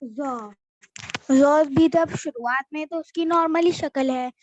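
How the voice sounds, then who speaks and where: A woman's voice: sits high, a little slow, a little hiss or hum, poor audio. A woman teaching a children's alphabet lesson, patiently repeating each letter name as she explains.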